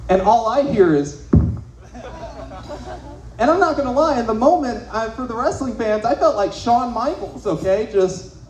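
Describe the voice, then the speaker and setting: A man's voice: very high voice, lively intonation, moderate pace, long pauses, darkish tone, slight background noise. A young man doing a loose, profane stand-up comedy set on a club stage. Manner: loose, profane, conversational storytelling. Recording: echoey club room, faint ambience.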